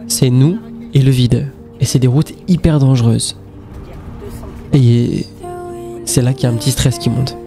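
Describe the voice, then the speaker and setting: A man's voice: mid-range voice, fairly even intonation, unhurried, gravelly, pauses often. A man narrating his own travel vlog in a punchy, casual way full of slang. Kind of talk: voice-over narration. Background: music.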